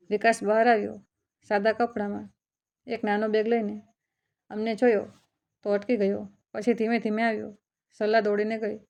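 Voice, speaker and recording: Flat, gravelly woman storyteller. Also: mid-range voice. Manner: calm, even storytelling in first person as a father. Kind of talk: scripted narration of a family story.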